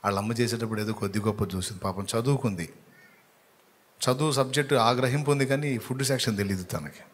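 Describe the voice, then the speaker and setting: A man preaching a sermon, telling a story dramatically and acting out the voices in it with sudden loud rises. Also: mid-range voice, fast talker, husky. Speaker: pastor.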